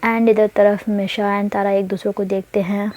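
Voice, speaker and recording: A woman's voice: mid-range voice, flat delivery, unhurried, a little mellow. A woman casually telling a serialized story, chatting and explaining the characters' motives. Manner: chatty, mixes English words, explains motives.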